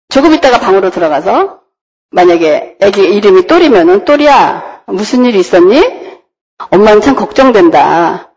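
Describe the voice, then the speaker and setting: Woman pastor, sermon delivery, animated rise and fall, questions the flock. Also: a little high, poor audio. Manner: asks the congregation rhetorical questions.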